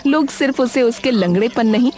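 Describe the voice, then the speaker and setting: A woman narrating an animated story in a dramatic, measured storytelling manner. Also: fairly high pitch.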